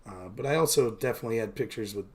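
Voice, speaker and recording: A man's voice: fairly low pitch, rapid-fire, slightly rough. Rambling, self-mocking man in his thirties. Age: 30s. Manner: rambling, candid, self-deprecating, with many fillers. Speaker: streamer. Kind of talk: casual solo stream chat.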